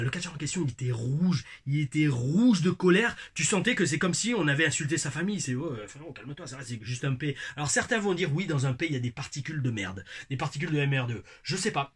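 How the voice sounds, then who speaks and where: Husky, forceful young French vlogger. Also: male voice, on the high side. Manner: slangy, rambling, many restarts. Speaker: wrestling show reviewer. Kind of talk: casual vlog chat and storytelling.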